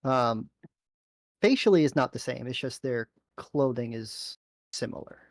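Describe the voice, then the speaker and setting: A man's voice: mid-range voice, lively intonation, a little slow, dry recording, studio quality. A man narrating as game master in a tabletop game, with frequent ums. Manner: voices the toll keeper, narrates with ums.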